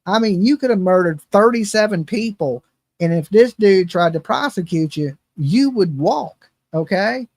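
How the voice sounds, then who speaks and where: The recording is dry, capturing a man's expressive voice that sits high with a darkish tone and a moderate pace. He is in his fifties, hosts a true crime channel, and is chatting casually on a livestream. Blunt and self-deprecating, he rambles and leans heavily on "right?" and "okay?".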